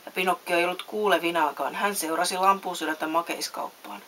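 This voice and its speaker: A woman's voice: steady tone, poor audio. A woman reading a children's fairy tale aloud, lifting her voice for the characters' lines. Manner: reads voices with raised pitch and loudness. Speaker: storyteller. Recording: faint hiss.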